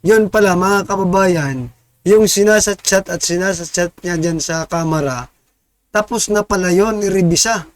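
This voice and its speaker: A man's voice: high voice, moderate pace, no echo. A man with a Filipino accent giving political reaction commentary, preachy, addressing listeners directly and tagging his points with questions.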